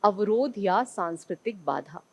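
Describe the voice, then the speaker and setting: A woman's voice: medium pitch, expressive, measured pace, darkish tone, no room sound. A woman from India teaching an online exam-prep class, asking her students questions and answering them herself.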